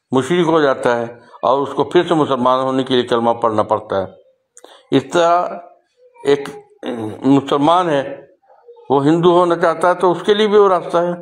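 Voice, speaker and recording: An older man and poet, speaking in an earnest, lecturing way and giving examples. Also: fairly high pitch. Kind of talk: casual spoken talk on language.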